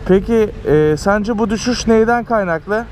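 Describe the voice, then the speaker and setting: A man's voice: sits high, measured pace, darkish tone. Male street vlogger with noisy outdoor sound. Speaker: courier vlogger and interviewer. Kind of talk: casual street interview and vlog commentary. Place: outdoors on city pavements. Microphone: action camera worn by speaker. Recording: outdoor street and vehicle noise.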